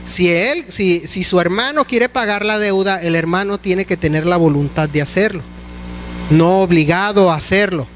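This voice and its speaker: High-voiced pastor preaching casually. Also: male voice, moderate pace, a bit bright, slight background noise, rough recording. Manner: conversational, many restarts and fillers. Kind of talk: sermon.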